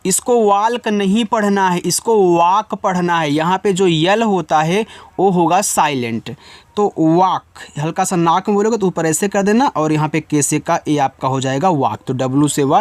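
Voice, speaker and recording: Slow-spelling man teaching English. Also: high-pitched, dry recording. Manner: spells words letter by letter, slow and drawn out; repeats check-ins and asks the viewer questions. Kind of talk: spoken English lesson.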